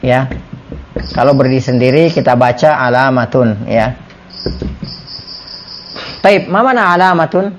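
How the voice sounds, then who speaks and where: A man's voice: medium pitch, unhurried, pauses often, a little hiss or hum. A man with an Indonesian accent teaching an Arabic lesson, repeating words and quizzing his students. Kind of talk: classroom lesson.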